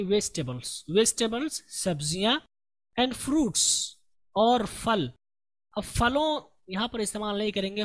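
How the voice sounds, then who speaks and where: A man teaching an English lesson, explaining a text line by line and reading the English sentences out slowly. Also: high-pitched, fairly bright tone. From India. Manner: slow, deliberate explaining, reads English lines very slowly.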